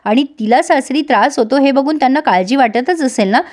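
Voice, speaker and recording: Caring, concerned middle-aged mother-in-law, soft-spoken, a woman voicing her. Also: sits high, brisk, lightly acted.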